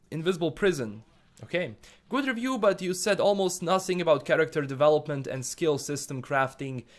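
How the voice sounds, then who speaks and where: A man from Bosnia, hesitantly reviewing a game and answering viewer comments, full of fillers and repeated words. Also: on the high side. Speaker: gaming YouTuber.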